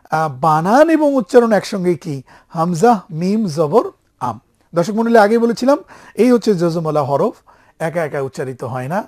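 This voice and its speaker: Brief: male TV teacher, patient and repetitive, slow emphatic spelling, call-and-repeat drills. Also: high-pitched. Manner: patient, repetitive drilling, asks viewers to repeat after him. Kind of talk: televised lesson on reading Arabic letters.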